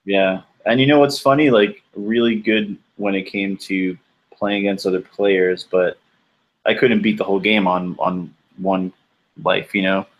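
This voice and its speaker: Man from New York, very deep voice, flat delivery, laid-back chat, muffled sound. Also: a little slow. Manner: laid-back, stammering restarts. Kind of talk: casual chat.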